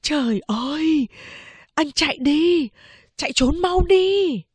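A woman's voice: fairly high pitch, slow, a little mellow, breathy edge, no echo. Fretful old grandmother, urgent and pleading, woman reading her. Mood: frantic. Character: anxious old grandmother, frantic and tearful. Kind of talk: audiobook character reading.

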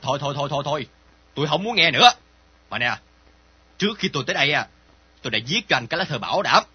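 A husky, blustering old moneylender. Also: male voice, on the high side, big pitch swings, very fast, dry recording, exaggerated voice. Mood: domineering. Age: older. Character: greedy bullying old male moneylender, cowardly. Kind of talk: radio drama acting. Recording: dull lo-fi recording with faint music.

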